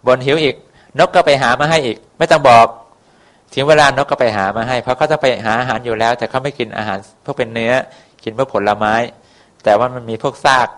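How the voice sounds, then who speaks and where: A man's voice: medium pitch, fairly bright tone. A man telling a folk tale in a casual, rambling way, with many fillers and coarse words. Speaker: storyteller.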